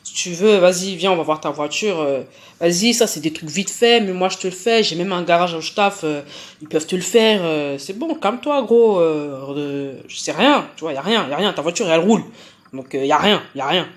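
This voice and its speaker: A woman voicing her calm younger brother who tries to settle things in relaxed slang. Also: fairly low pitch, fairly quick, close to an everyday voice. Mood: placating. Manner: slangy, soothing, hesitant with fillers.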